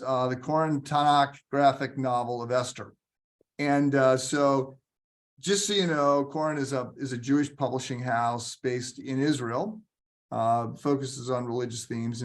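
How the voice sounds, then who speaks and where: A man hosting a podcast, introducing his guest in a loose, rambling way with many fillers and restarts. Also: medium pitch. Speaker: podcast host.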